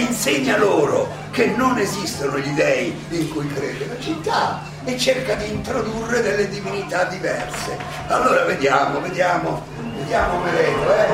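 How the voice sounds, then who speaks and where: High-pitched defiant old Socrates, echoey hall. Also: male voice, vocal fry, exaggerated voice. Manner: rhetorical, sardonic, with questions and dramatic pauses. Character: Socrates, defiant, ironic old philosopher defending himself at trial. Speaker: stage actor. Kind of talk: theatrical courtroom monologue. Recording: echoey, distant, noisy stage recording.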